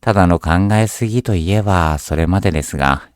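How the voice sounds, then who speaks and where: A man reading a scripted horror story aloud as a narrator, in a measured, deliberate storytelling delivery. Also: low-pitched, clean tone, dry recording, clean studio sound.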